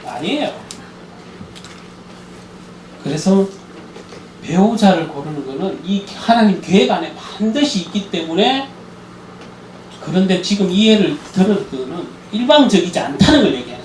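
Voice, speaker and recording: A man's voice: sits high, normal speed, slight background noise. Guy lecturing at church, voice jumps all over, echoey hall, mic a bit far off. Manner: animated storytelling, acting out quoted dialogue. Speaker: lecturer at a parenting school.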